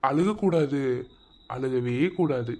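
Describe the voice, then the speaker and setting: A chatty, easygoing village husband in a cartoon , played by a man, talking in a Madurai Tamil accent. His voice sits at an everyday middle pitch, and he coaxes and jokes as he reassures his wife. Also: lively intonation, slow, a little mellow, slightly rough. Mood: reassuring. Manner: jokey, coaxing, talkative. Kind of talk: cartoon voice acting.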